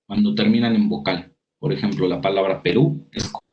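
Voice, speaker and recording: Over slides, a man with a Mexican Spanish accent runs a writing workshop in a low, steady voice, speaking fairly quickly. He reads out definitions and illustrates them with examples, sometimes restarting sentences. The recording is muffled.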